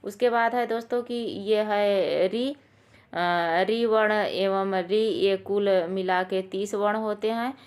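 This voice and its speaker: A woman's voice: mid-range voice, steady tone, slow pace, darkish tone, clear, resonant tone. A woman teaching a Sanskrit exam lesson, patiently explaining and repeating key points while addressing viewers as friends.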